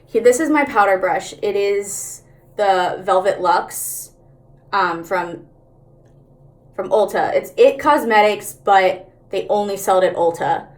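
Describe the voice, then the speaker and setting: A woman's voice: medium pitch, slow pace. A woman chatting casually through a makeup tutorial, candid, slangy and sweary, talking out of the side of her mouth.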